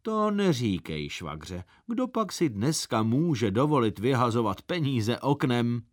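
A man's voice: mid-range voice, big pitch swings, lightly acted. A man voicing a grumbling, stingy middle-aged uncle who sighs and complains in a storybook reading. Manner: complaining, sighing.

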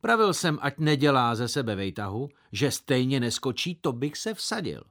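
A man's voice: mid-range voice, sing-song, a bit bright. A man narrating an audiobook in a playful storytelling manner, also speaking the young hero's lines. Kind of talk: audiobook reading.

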